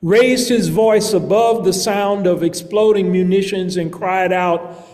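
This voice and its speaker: A man with a rather high voice delivers a sermon at an unhurried, measured pace. His words ring out in a large church with a long, lingering reverb. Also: fairly even intonation, darkish tone. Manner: slow, measured preaching with deliberate pauses. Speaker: preacher.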